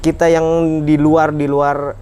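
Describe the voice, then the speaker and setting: A man with a Banjar-tinged Indonesian accent hosting a casual interview, speaking in a relaxed, drawn-out way. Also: a little high, slight background noise. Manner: relaxed, drawn-out, many soft hums of assent. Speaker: host.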